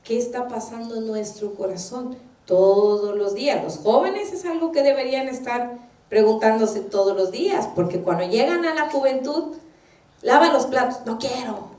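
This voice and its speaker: A woman minister preaches and acts out the voices in her stories. Her voice sits a little high with a mellow tone. She is picked up from a distance in an echoey room. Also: expressive, normal speed. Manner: anecdotal, acts out quoted voices. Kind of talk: sermon.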